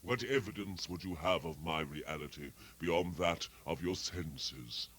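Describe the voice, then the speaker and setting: Man to play a deep, slow, moaning ghost of a miser, sorrowful and chained. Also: a bit bright, breathy edge, exaggerated voice. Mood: solemn, doleful. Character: ghost of a dead miserly businessman, mournful, chained. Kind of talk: dramatic reading of a classic tale.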